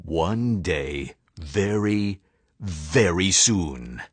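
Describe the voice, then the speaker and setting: A man's voice: expressive, breathy edge, dry recording, full character voice. A man growling as a mean old principal. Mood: menacing. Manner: low, slow, grudging vow. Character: mean sour old male school principal. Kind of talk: storybook reading.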